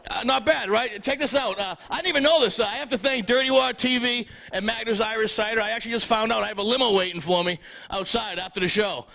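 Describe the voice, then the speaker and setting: A man hosting a comedy show, introducing the next comedian to a live club audience with loose, rapid patter. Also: high-pitched, creaky, sharp tone. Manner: rapid, loose delivery with fillers and restarts.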